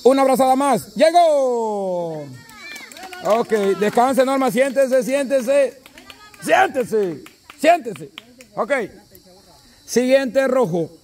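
A man running an outdoor rope-crossing contest, giving brisk commands and repeating his calls. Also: extremely high pitch, animated, darkish tone. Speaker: event organizer calling a rope-crossing contest. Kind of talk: live instructions to teams outdoors.

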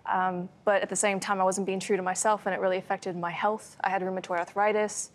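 Fast-talking American woman on a TV studio set. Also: medium pitch. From United States. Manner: animated, quick storytelling. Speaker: guest artist. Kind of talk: TV studio interview. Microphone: lapel.

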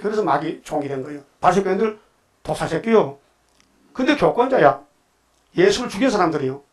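Man, pastor, sermon, emphatic, rhetorical questions, higher-pitched voice. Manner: acts out quoted voices of God and the devil.

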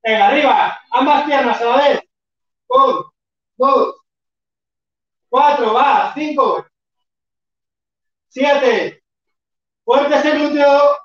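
High-voiced workout coach counting reps, slow and far off the mic in an echoey room. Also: muffled recording. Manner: counts reps and urges the class on, sometimes shouting. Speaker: fitness instructor. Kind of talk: live online workout class.

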